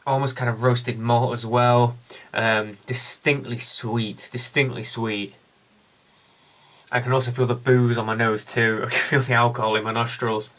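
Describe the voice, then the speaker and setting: A man's voice: medium pitch, flat delivery, a little slow, fairly bright tone. A man hosting a casual beer review, chatting and telling a story with lots of ums and uhs.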